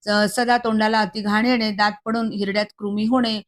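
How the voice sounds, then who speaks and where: Reading aloud from a Marathi scripture commentary, a woman keeps a measured, even rate in an ordinary mid-range voice. The devotional text includes a long list, which she gets through with a few small slips and restarts.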